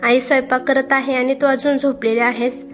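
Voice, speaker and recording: A woman's voice: sits high, flat delivery, normal speed, soft background music, natural voice. A woman voicing a hardworking young farmer husband who scolds his wife sharply, in a storybook reading. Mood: scolding. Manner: stern and scolding.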